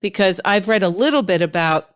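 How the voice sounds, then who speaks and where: Smooth-voiced woman podcast host. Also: mid-range voice, animated, fairly quick. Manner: chatty and reflective, with frequent affirming murmurs and laughs. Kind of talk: conversational podcast interview.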